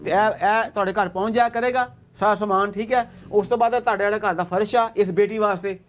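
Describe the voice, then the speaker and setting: A man's voice: high voice, steady tone, fast talker. A man from Pakistan on a charity visit who hands out aid and earnestly repeats his reassurances. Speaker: charity worker handing out aid. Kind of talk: on-site charity vlog talk.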